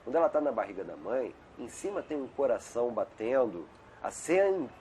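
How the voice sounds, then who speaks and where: The guest, a middle-aged male doctor on a video call, talks in a warm, sing-song voice of medium pitch at normal speed. He's conversational and prone to tangents, often ending phrases with "né?", and a faint hiss or hum is audible.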